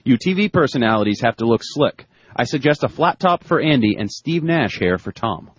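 A man with a husky, mid-pitched voice co-hosts sports radio in a casual way, moving between chat and listener emails read aloud. The recording is dry and slightly dull. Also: animated, fairly quick, no echo. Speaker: sports radio show co-host. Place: radio studio. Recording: muffled, dull lo-fi audio.

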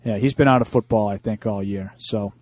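Here an Italian-American man co-hosting a sports talk show talks conversationally and works through listener emails with many halting fillers. His voice sits lowish and darkish, with no echo.

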